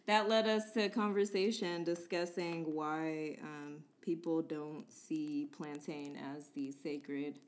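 A woman's voice: deep voice, fairly even intonation, takes it slowly, hardly any pauses, darkish tone. A woman co-hosting a casual chat show, chatty and playful, often laughing and leaning on words for emphasis. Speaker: podcast co-host.

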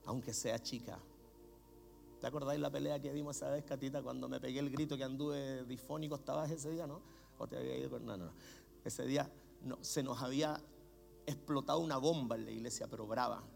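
Man, Chilean Spanish accent, middle-aged pastor, animated sermon, raspy edge, faint music. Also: fast talker. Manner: animated, swings from low murmurs to shouts.

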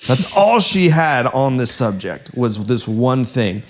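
A man's voice: medium pitch, very animated. Laughing storytelling podcast man. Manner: storytelling, laughs often, quick asides. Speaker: podcast co-host. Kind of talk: casual podcast chat.

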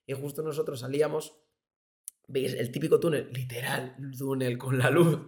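A young man from Spain, a boxer guesting on a podcast, telling stories in an animated, casual way and acting out quoted voices. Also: medium pitch, normal speed, husky. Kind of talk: casual interview chat.

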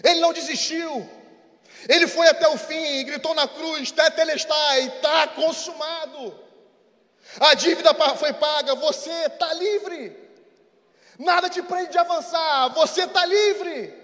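A man with a Brazilian Portuguese accent preaching a sermon, repeating phrases and moving between fervent proclaiming and hushed, intimate passages. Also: very high voice, unhurried. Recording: long reverb of a large hall.

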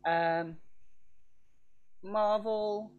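A man with a voice pitched a little high for a man talks casually on a podcast. He rambles from point to point, laughs easily and swears in passing. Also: fairly even intonation, very slow, phone-quality sound. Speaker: podcast co-host. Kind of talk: casual chat.

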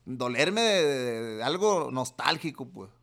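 A man's voice: medium pitch, very animated, measured pace, creaky, a bit bright. A young man, telling crude, slangy stories as a podcast host in casual chat. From Mexico. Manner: slangy, crude, joking storyteller.

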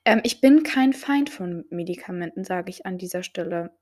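A woman's voice: on the low side, animated, moderate pace, a little mellow. A young woman hosting a solo podcast, talking hesitantly with many filler sounds and reading out quotes. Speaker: podcast host.

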